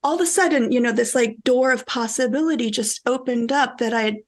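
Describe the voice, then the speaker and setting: A middle-aged woman from the American Midwest, a guest author telling stories in a casual podcast conversation, animated and quick to laugh. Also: a little high. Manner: animated storytelling, laughs often.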